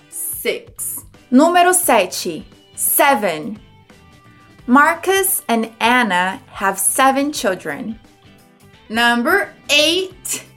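High-voiced woman teaching English slowly. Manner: lively, demonstrative, sounds out words. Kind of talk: video lesson.

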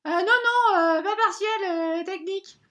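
A very high-pitched, bright voice of a scatterbrained female bank adviser, played by a woman. She rambles on in a comic monologue, hesitant and full of filler sounds, lonely under her chatter. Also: a little slow. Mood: rambling.

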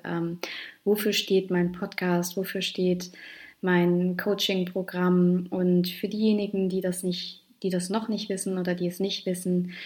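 Soft-spoken woman podcast host. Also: lowish voice. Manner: soft-spoken, hesitant with many fillers. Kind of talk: podcast interview.

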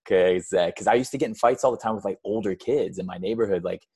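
Laid-back, very deep-voiced man. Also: quick pace, dark tone, breathy edge. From California. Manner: laid-back, laughs often, says "like" and "dude" a lot. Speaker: podcast guest. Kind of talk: casual chat.

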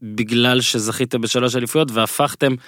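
Male podcast host, Israeli accent, informal, halting delivery, self-deprecating, dry close sound, mid-range pitch. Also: fairly even intonation, a bit bright, no room sound. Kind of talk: casual sports interview.

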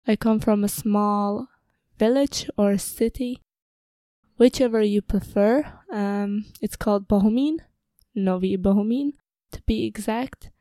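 A young Czech woman who moved to Ireland at twelve hosts a casual personal podcast, speaking informally with a slightly nervous hesitancy. Her first language is Czech, and her medium-pitched voice has a dark tone on a dry recording.

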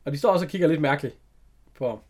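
Co-host, male: relaxed film chat, fillers and laughs, voice a bit high. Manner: chatty, hesitant, laughs often. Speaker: podcast co-host. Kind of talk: casual chat retelling a film.

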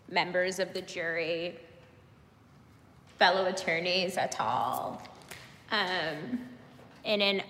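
Young defense lawyer in a TV comedy, vocal fry, slow lively delivery, bright tone, long courtroom reverb. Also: female voice, lowish voice, slight background noise, heavily acted. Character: young woman defense lawyer addressing a jury. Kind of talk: television comedy acting.

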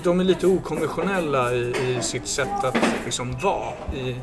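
A man's voice: mid-range voice, over loud music. A man co-hosting a sports podcast, speaking hesitantly with many restarts and repeated words. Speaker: podcast co-host. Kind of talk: casual podcast interview.

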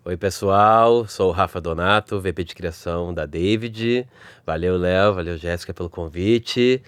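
A man speaks in a low voice with a clear Rio carioca accent. He talks informally as a podcast guest, with colloquial turns of phrase, in a close, dry recording. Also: normal speed, no room sound. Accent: Rio de Janeiro carioca. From Rio de Janeiro, Brazil. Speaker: podcast guest, advertising creative executive. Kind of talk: casual interview chat.

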